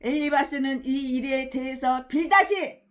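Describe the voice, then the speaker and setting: A woman pastor preaches with fervor, her voice high and bright. She rants and circles back, repeating words again and again to drive her point home. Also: unhurried. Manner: impassioned, ranting, repetitive. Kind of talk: expository sermon.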